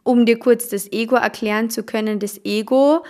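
A woman's voice: fairly high pitch, steady tone, moderate pace, mellow. Woman hosting a chatty podcast. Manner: many fillers, repeats words for emphasis. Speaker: podcast host. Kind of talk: casual self-help podcast talk.

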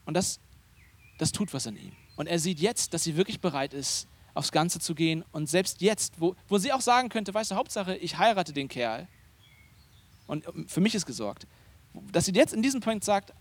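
A man preaching a sermon as pastor, speaking conversationally and emphatically, often turning to the congregation with questions. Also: a little high. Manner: animated, emphatic delivery.

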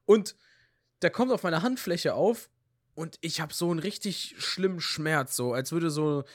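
A young man co-hosting a podcast, telling anecdotes in a lively, slangy way. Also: fairly high pitch, unhurried, no echo, studio quality. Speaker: podcast co-host. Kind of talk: casual chat.

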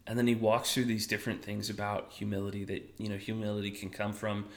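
Talking fast in a fairly low voice with an utterly flat delivery, a man co-hosting a podcast recounts a story. The chat is casual and self-deprecating, with occasional drops to a whisper to stress a point.

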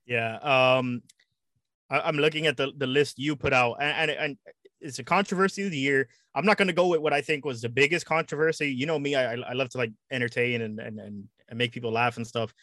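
A man's voice: medium pitch, brisk, fairly bright tone, no room sound. A man from the United States chatting casually as a podcast guest, rambling and stumbling over his words. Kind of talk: casual chat.

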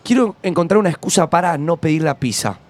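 A young man with a Rioplatense Spanish accent, co-hosting a radio show with teasing, quick remarks in casual chat. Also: fairly high pitch, expressive. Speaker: radio co-host.

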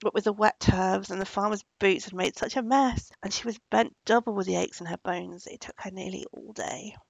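Storyteller, woman, gravelly and husky, gentle storybook narration with whispered asides, dry close sound. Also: mid-range voice, fairly quick, no echo, rough recording. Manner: gentle, drops into soft whispers.

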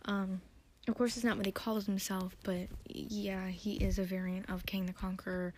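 A young woman recapping a TV episode in a soft-spoken ASMR style. She is chatty, often slips into a whisper and uses many fillers. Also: medium pitch, little pitch movement, normal speed.

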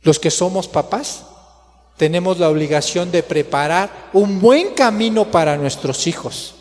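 A man's voice: high-pitched, a little slow, long reverb tail. A Mexican man preaching a Sunday sermon, joking and asking the congregation questions. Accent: Mexican Spanish. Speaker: pastor. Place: church.

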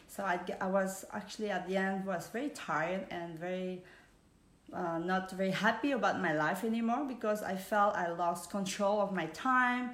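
Softly low woman with roomy echo. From Switzerland. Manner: hesitant, many fillers, warm greetings. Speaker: business speaker. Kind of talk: live online presentation.

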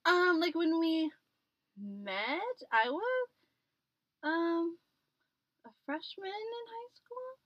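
A woman's voice: extremely high pitch, animated, very slow, pauses often, dry recording. An American woman in her twenties telling personal stories as a casual podcast guest, giggly, slangy and self-deprecating, sounding muffled in a closet. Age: 20s. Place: small closet, seated on floor pillows. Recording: muffled, dull closet recording.

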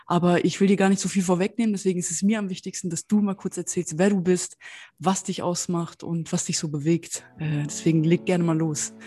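Podcast host lady, mellow voice, super enthusiastic, lots of ähs. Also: on the low side, no room sound. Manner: warm, enthusiastic, many fillers. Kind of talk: podcast interview.

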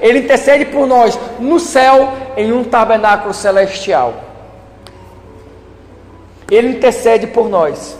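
Male pastor, high voice, conversational sermon full of repetition, reverberant church hall. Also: a little slow, pauses often. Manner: preaching with repetition and acted-out quotes.

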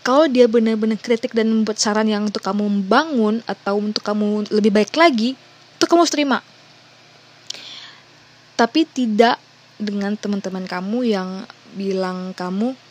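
A woman talking casually and directly to the listener, going through a list of points and reading some of them out. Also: mid-range voice. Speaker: advice talker. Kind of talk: casual advice talk to viewers.

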